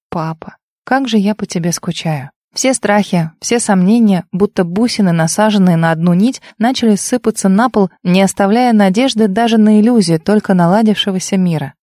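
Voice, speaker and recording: A woman's voice: mid-range voice, warm tone, dry recording, clean studio sound. A woman reading a first-person novel aloud as an audiobook narrator, with an emotional, intimate storytelling manner.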